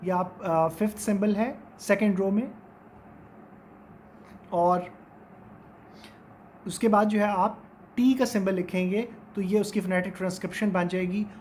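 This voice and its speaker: A man's voice: high voice, fairly even intonation, darkish tone, a little hiss or hum. A man teaching English phonetics in a recorded lecture, drawing out and repeating each vowel sound and example word aloud. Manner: slow, repeats sounds and words aloud to demonstrate them.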